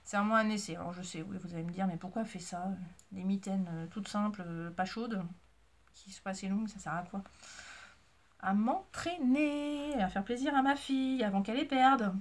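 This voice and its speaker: Talking casually to camera, a woman who knits, sews and has a child rambles to her viewers with plenty of fillers and self-mocking humor. She has a mid-range voice and talks fast.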